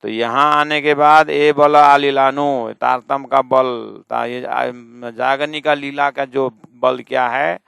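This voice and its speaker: Gravelly male scripture teacher. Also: medium pitch, fairly even intonation, bright, forceful tone, no echo. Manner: explains verse by verse, stages back-and-forth with imagined students; slow, drawn-out reading of verses. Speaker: spiritual teacher. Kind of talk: scripture class lecture.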